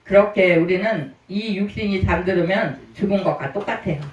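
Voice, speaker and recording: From a distance in a reverberant church sanctuary, a male pastor with a high-pitched voice preaches at a moderate pace, retelling the story and repeatedly putting rhetorical questions to the congregation. The recording is muffled and roomy.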